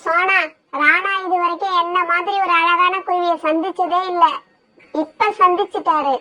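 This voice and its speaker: A scheming, vain female sparrow from a cartoon, voiced by a woman, cold and bossy in every word. Her voice sits very high and sounds bright and sharp. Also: fairly even intonation, normal speed. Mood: haughty. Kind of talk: cartoon voice acting.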